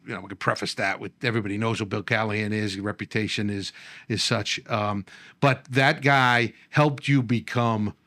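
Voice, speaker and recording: A middle-aged man who hosts the show and once coached, reflecting in a halting way and often repeating his words. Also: lowish voice, fairly even intonation, sharp tone. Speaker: podcast host, former coach. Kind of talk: reflective interview talk.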